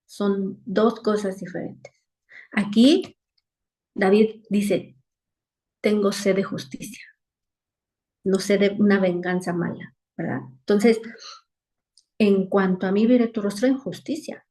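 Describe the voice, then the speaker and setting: A woman gives an earnest Bible lesson over a video call. She repeats phrases to drive each point home. Her voice sits at an ordinary middle pitch. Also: fairly even intonation, takes it slowly, long pauses, warm tone. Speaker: Bible teacher. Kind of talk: weekly online Bible lesson.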